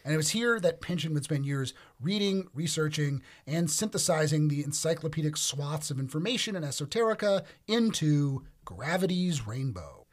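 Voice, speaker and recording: A man co-hosting a podcast, narrating from a script and explaining ideas in a measured way with hedging fillers. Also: on the high side, expressive. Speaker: podcast co-host. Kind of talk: scripted narration with casual discussion.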